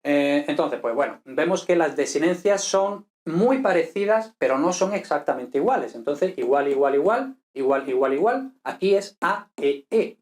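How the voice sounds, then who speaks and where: Man from lecturing on grammar, slightly high pitch, explanatory, keeps checking in with listeners. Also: lively intonation, normal speed, hardly any pauses, darkish tone. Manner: explanatory, checks in with frequent "¿vale?". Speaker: Italian grammar teacher. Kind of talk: lecture over slides.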